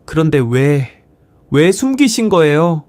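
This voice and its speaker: A man's voice: fairly high pitch, big pitch swings, takes it slowly, darkish tone, pitched above the performer's own voice. A man voicing a guilty grown son who pleads and apologizes to his father in a storybook reading. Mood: pleading.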